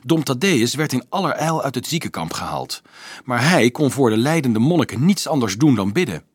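A man reading a novel aloud in an expressive, storytelling way. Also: mid-range voice, moderate pace, husky, dry recording, clean studio sound. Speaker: audiobook narrator. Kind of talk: scripted narration.

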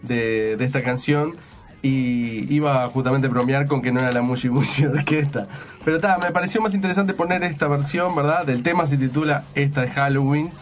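A man's voice: mid-range voice, normal speed, faint music behind. A man hosting a casual radio chat, rambling with restarts and frequent laughter. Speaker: radio host.

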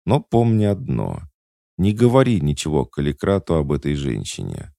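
A man with a deep, gravelly voice reading the lines of a proud, jealous immortal queen who speaks coldly and commandingly. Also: very animated, normal speed, warm tone, no echo, clean studio sound, exaggerated voice. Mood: calm, superior. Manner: cold, imperious, mocking.

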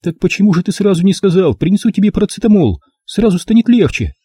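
A man's voice: high-pitched, sing-song, fast, warm tone, slightly rough, dry recording, studio quality, voice pushed up, heavily acted. A man voicing a fussy, anxious middle-aged mother who nags her grown son in an audiobook. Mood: fretting. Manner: smothering, nagging. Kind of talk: audiobook character voice.

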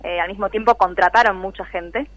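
A layoff-tracking activist with a Rioplatense Argentine accent gives earnest, detailed, conversational answers in a spontaneous, explanatory radio interview. She speaks a little fast in a mid-range, fairly bright voice with a steady tone. The recording is dry.

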